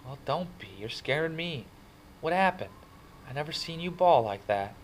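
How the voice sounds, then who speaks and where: A man reading a storybook, voicing a gentle, downcast teenage boy who talks softly in folksy phrases. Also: lowish voice, little pitch movement, brisk, a little hiss or hum, natural voice, poor audio. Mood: concerned. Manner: soft, sighing, folksy. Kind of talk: dramatic audiobook character reading.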